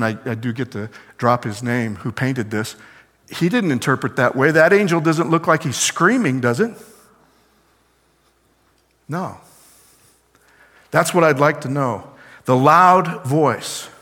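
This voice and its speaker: A male preacher delivers a sermon, his voice bright and forceful and pitched a little high. He poses questions and answers them himself, and the sound rings with the long reverb of a large church hall.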